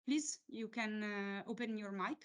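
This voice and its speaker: A woman with a voice of average pitch acts as moderator of an online seminar. She is polite and measured as she manages the questions. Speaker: webinar moderator.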